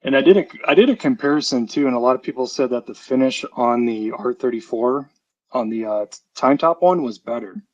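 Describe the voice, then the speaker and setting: A man of middle pitch rambles through a live stream, trailing off into fillers and correcting himself as he goes. His voice comes through a headphone mic, so it sounds hollow, dull and muffled, as if he were talking through a tube. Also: brisk, a little mellow. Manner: rambling, chatty, with many fillers and self-corrections. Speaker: streamer showing a die-cast model car collection. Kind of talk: casual live-stream chat.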